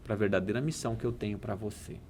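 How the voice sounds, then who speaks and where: A man telling it as God, calm and solemn. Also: on the low side, fast talker, slight background noise, pitched below the performer's own voice, close to an everyday voice. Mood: gentle. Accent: Brazilian Portuguese. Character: God, a calm fatherly male voice from above.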